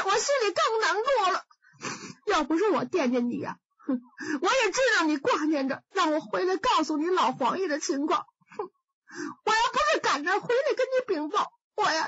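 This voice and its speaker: A woman's voice: high voice, a bit bright, dull audio. A woman voicing a crafty teenage boy posing as a eunuch in a storytelling performance, whiny and wheedling with fake sobs.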